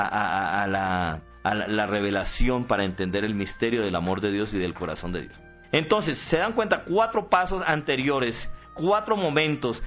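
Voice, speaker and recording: Man preaching over dull radio audio. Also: mid-range voice. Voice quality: animated teaching, rhetorical questions. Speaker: priest. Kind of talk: sermon.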